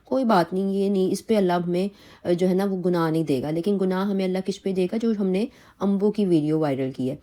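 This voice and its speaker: Mellow-voiced indignant woman vlogger. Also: on the low side. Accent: Pakistani Urdu. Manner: indignant, rambling with many restarts and fillers. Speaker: reaction vlogger. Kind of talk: heated commentary on online drama.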